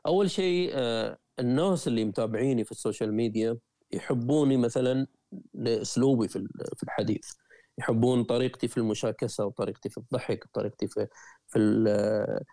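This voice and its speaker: A guest from Qatar, a traveler and writer, speaks in a Gulf Arabic accent during a conversational interview, telling stories briskly and eagerly while often correcting himself and starting sentences over. His medium-pitched voice is mellow and dark. He's recorded close to the mic, with a dry sound and no echo.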